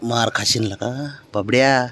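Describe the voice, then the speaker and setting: A young man outdoors talking to his pet cat in doting baby talk, coaxing it along and scolding it gently. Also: mid-range voice, steady tone, moderate pace. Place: outdoors, in sun and shade.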